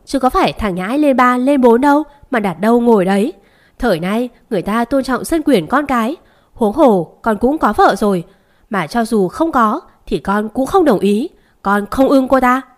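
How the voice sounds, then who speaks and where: Woman doing a hot-tempered young master, curt, forceful, storybook reading. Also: mid-range voice, a little fast, lightly acted. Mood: angry. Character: young master, stubborn young man, quick-tempered.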